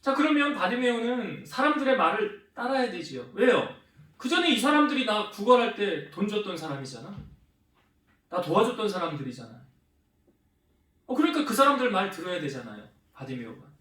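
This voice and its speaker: A man's voice: sing-song, brisk. A male pastor preaching a sermon, asking questions and answering them, and acting out quoted speech. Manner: asks the congregation questions and answers them himself; acts out quoted speech with shifts in pitch and loudness. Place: church sanctuary. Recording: roomy church hall with the mic some distance away.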